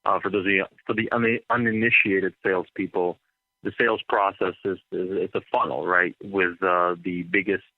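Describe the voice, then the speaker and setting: Man, lower voice, casual podcast guest, many fillers, thin phone-like audio. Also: level tone, normal speed, no room sound. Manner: rambling, repeats words, lots of fillers. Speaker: guest DJ and entrepreneur. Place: in Atlanta.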